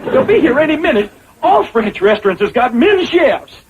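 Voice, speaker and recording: A man's voice: very high-pitched, sing-song, moderate pace, husky, some chatter behind, exaggerated voice. An actor playing a naive, boastful young hillbilly man with a rural Southern drawl and a folksy, cocky way of talking. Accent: rural Southern American. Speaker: restaurant owner. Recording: dull 1960s TV audio, loud laugh track.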